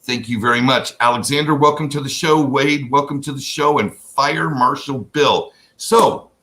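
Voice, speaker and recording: In a casual interview chat, the older host rambles with enthusiasm and keeps restarting what he's saying. His mid-range voice sounds pushed and bright, and he keeps a moderate pace.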